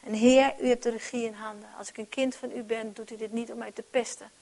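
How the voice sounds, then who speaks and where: Earnest and convinced, this woman preaches in a slightly high, steady, gravelly voice at a brisk clip. She shifts between hushed near-whispers and loud, forceful calls, repeating words as she starts over.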